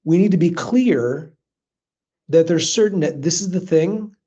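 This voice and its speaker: A man's voice: a little high, measured pace, highs cut off. A man teaching sales objection handling in a live webinar, talking casually and acting out customer dialogue. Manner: energetic, conversational, acts out customer dialogue. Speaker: sales trainer. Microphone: video call.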